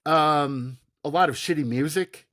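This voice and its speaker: A man co-hosting a comedy podcast, reacting in a halting way and laughing often. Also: fairly high pitch, fairly bright tone, no echo, studio quality. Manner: halting, lots of fillers and restarts, laughs easily. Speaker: podcast co-host. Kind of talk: casual comedic chat.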